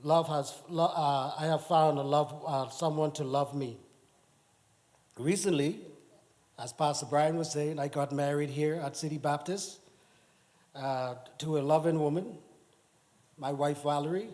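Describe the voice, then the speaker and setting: A middle-aged man from the Bahamas giving a personal testimony in church, speaking haltingly with many restarts. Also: a little high, steady tone, a little mellow. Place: church sanctuary.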